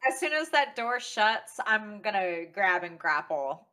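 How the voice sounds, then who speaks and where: A woman's voice: medium pitch, sing-song, a little slow, pushed and bright. A woman talking casually as a player in a tabletop game, slipping in and out of character. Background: faint music.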